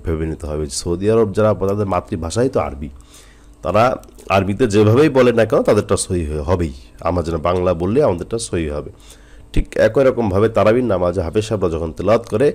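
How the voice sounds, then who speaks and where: Male Quran tutor, low voice, Jessore Bengali accent, patient letter drills. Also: darkish tone. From Jessore, Bangladesh. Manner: patient, drills letters slowly and repeats them. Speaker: Quran reading teacher. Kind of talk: recitation lesson.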